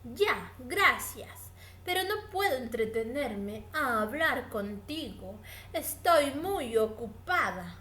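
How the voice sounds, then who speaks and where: A woman's voice: sing-song, slow pace, sharp tone, heavily acted. A woman voicing a vain, busy young female mouse in a children's storybook reading, haughty and dismissive. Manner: haughty, high-pitched and dismissive. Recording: echoey room.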